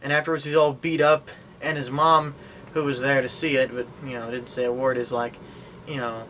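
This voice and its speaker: A man reviews a film in a loose, chatty way, walking through the plot with frequent hesitations and fillers. His voice is bright and forceful, sitting at an ordinary middle pitch. He drops sarcastic asides along the way. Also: little pitch movement, moderate pace, slight background noise. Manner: rambling retelling with many fillers and sarcastic asides. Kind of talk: casual spoken movie review.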